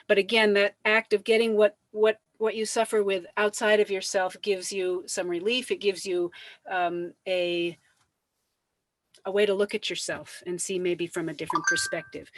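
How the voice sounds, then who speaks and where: A woman artist giving conversational advice as a panel guest, in a measured, reflective way. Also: medium pitch, no room sound. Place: online video call.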